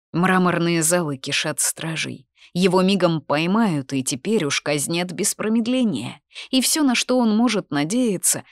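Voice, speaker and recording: A woman with a low voice reads a fantasy audiobook. Her storytelling is expressive and at times drops to a hush. The recording is dry and close, with no room sound. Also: no room sound. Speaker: audiobook narrator. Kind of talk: scripted fantasy audiobook narration.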